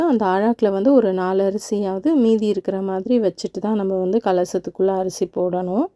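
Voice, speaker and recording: Young Tamil-accented woman hosting a home tutorial vlog, calm and unhurried, warm low-key voice. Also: no room sound, studio quality. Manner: calm explaining, chants mantras slowly. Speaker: vlogger. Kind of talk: step-by-step home ritual tutorial.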